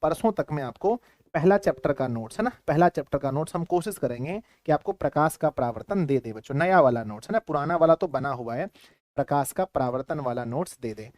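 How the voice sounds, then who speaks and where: A man's voice: on the high side, animated, a little fast, a little mellow, dry recording. A man with a Bihari Hindi accent teaching a class, repeating himself and quizzing his students. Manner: repetitive, keeps quizzing students. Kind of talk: classroom lecture.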